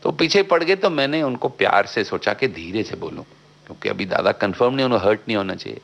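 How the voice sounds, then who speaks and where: Male filmmaker guest, low and gravelly, an outspoken, animated radio-interview storyteller who mixes in English. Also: fast. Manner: talkative and outspoken.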